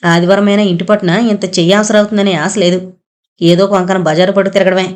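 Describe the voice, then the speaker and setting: A woman voicing a sharp-tongued, nagging older mother-in-law who speaks curtly and with scorn. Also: medium pitch, steady tone, fast talker, close to an everyday voice. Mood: scornful. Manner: curt and scornful.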